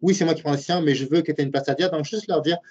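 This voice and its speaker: His voice runs high with a darkish, breathy edge, and he talks rapid-fire with fairly even intonation. The speaker is a late-forties university program director and professor with a Québécois French accent, earnestly explaining his views and reasoning aloud as he answers webinar questions. The recording is muffled, lo-fi web call audio.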